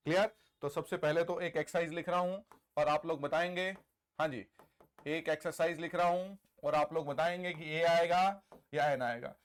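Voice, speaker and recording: A middle-aged man with an Indian accent teaching English grammar in a live online class, pressing students for answers and praising them. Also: fairly high pitch.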